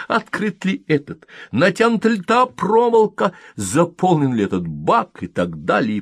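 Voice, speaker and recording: A fervent male evangelist preacher, as a man reading the story puts him on, booming out rhetorical questions to his crowd. His pitch swings wildly and his husky voice sits a touch high. He draws the words out slowly over a dry, close sound. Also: dry recording, exaggerated voice. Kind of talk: audiobook reading.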